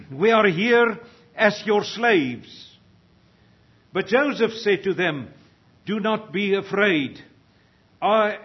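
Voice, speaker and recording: An older South African pastor preaches a sermon, reading scripture aloud with a slow, earnest delivery that grows louder during the readings. His voice is high and slightly rough, captured in dull lo-fi sound.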